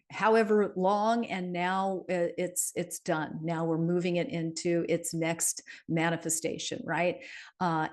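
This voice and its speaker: A middle-aged woman giving a casual monthly numerology forecast, chatty, with many fillers and tag questions. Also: fairly low pitch. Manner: chatty, frequent "right?" and fillers, light laughs.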